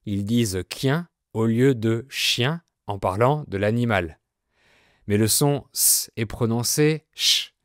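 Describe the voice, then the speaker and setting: A French man hosting a podcast lesson, explaining with slow, clear delivery. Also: on the low side, dry recording, clean studio sound. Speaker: French teacher, podcast host.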